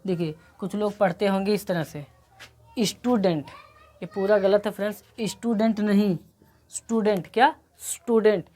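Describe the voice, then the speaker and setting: A woman's voice: mid-range voice, fairly even intonation, moderate pace, dark tone. A woman teaching an English grammar lesson, explaining step by step and often checking that her students follow, and she has a slight cold. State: coming down with a cold.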